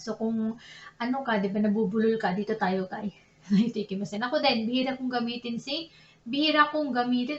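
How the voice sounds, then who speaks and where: Chatty Filipina teacher, roomy dull recording. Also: female voice, fairly high pitch, a little hiss or hum. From Philippines. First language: Tagalog. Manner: chatty, self-correcting, laughs at own slips. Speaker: Japanese language teacher. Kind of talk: casual online lesson in Tagalog and English.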